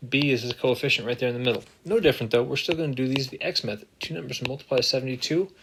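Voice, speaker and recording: A male math teacher with a mid-range voice and vocal fry works through examples while writing on screen in a screen-capture lesson. He stays upbeat and jokes about his own slips. The noisy desktop-mic recording has a ticking sound.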